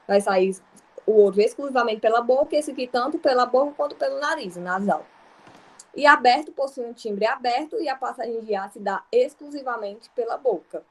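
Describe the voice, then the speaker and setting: Patient Brazilian woman teaching a lesson. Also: a little high. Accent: Brazilian Portuguese. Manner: patient, explaining slowly with examples and frequent checks. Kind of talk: online grammar lesson.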